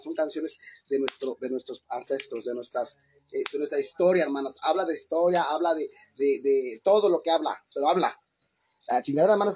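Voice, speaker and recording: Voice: medium pitch, slight background noise. A person with a Mexican accent chatting on a phone livestream at home, profane and chatty, often laughing and bustling about. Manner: chatty and profane, keeps calling the audience "sisters"; loud and laughing, dashing around the house with the phone. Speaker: livestream host. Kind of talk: casual livestream chat.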